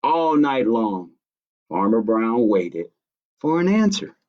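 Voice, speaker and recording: Man reading a picture book, hugely animated. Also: medium pitch. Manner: playful, deliberate storyteller addressing young children. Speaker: library storytime host reading aloud to children. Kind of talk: expressive children's picture-book storytelling. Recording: dull lo-fi stream audio.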